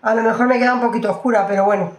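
A beauty vlogger chats through a product test, exclaiming and repeating herself as she goes. Her voice sits a bit high. The sound carries a noticeable room echo. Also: fairly even intonation, rapid-fire. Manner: chatty, exclamatory, repeats phrases, addresses viewers fondly. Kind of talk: casual makeup review.

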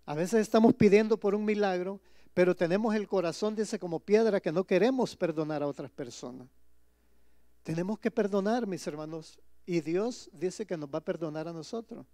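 High-voiced pastor preaching with mellow tone. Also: male voice, normal speed, dry recording, clean studio sound. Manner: reads scripture aloud, then explains it in plain asides; keeps asking the congregation "¿verdad?" and "mis hermanos". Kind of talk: Spanish-language sermon. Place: church.

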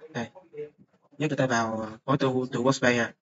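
A man's voice: medium pitch, fairly even intonation, brisk, a bit bright. A young man, a student presenting a course report over a screen recording, talking hesitantly with many filler sounds. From Vietnam. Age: young adult. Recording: dull lo-fi mic with faint noise.

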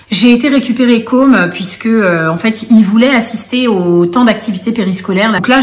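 A woman's voice: a little high, echoey room. A woman and mother telling a personal story to a face cam, with many hesitations and quoted dialogue. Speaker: vlogger and mother. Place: indoor room. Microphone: camera mic.

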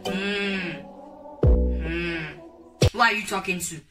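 A man's voice: high-pitched, steady tone, slow, distant mic, loud music behind the voice. A young teenage boy with a West African accent playing a stern, suspicious, melodramatic parent in a homemade comedy skit, scolding with threats and exclamations. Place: small bedroom indoors.

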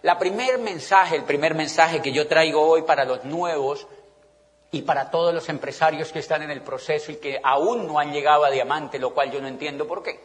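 A middle-aged man with a Colombian accent giving an animated motivational talk to a live audience, often checking that they follow him. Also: fairly high pitch, moderate pace. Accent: Colombian Spanish. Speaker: motivational business speaker. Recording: long reverb of a large hall.

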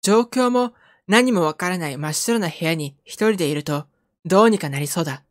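A woman's voice: lowish voice, expressive, brisk, close to an everyday voice. Woman reading a wry, bewildered young man. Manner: wry narration. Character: bewildered young man with no memory, dry inner voice. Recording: game music underneath.

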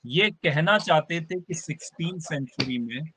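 A man's voice: fairly high pitch, animated, bright, forceful tone, breathy edge. Male teacher, live online lecture, patient step-by-step explainer who keeps checking in with students. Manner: spells out words slowly for emphasis.

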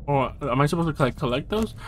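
A man giving let's-play commentary on a game, talking to himself in slangy, profane bursts and shouting when startled. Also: on the high side, expressive, fast talker, background noise. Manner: slangy casual speech. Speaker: gaming video host.

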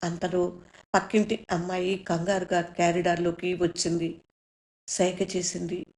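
A woman reading her own short story aloud in a measured, solemn way. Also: fairly low pitch, level tone, a little mellow. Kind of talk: story narration.

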